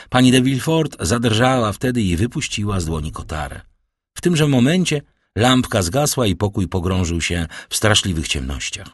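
A man reading an audiobook in a measured, theatrical way, dropping low and quiet for dread. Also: no room sound, clean studio sound. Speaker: audiobook narrator. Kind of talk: dramatic scripted narration.

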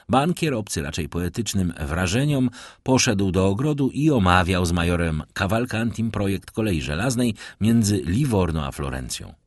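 A man narrating a classic novel in an expressive, dramatic reading. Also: deep voice, no echo, clean studio sound. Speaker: audiobook narrator. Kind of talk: scripted narration.

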